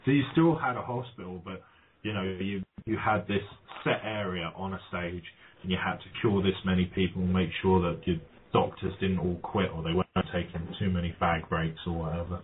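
A man's voice: low-pitched, fairly even intonation, a little fast. A man chatting casually, reminiscing in a rambling way with many ums and restarts. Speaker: podcast guest. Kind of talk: casual chat. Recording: tinny phone-like line, faint noise.

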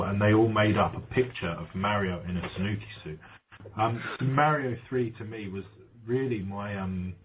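A man chatting casually, reminiscing in a rambling way with many ums and restarts. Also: low-pitched. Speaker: podcast guest. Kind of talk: casual chat. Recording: tinny phone-like line, faint noise.

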